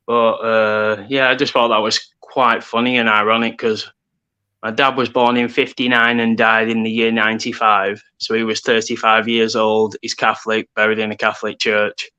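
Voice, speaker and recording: A man in his thirties in casual chat, rambling excitedly about number connections. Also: fairly low pitch, normal speed, clean tone, dull audio. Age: 30s.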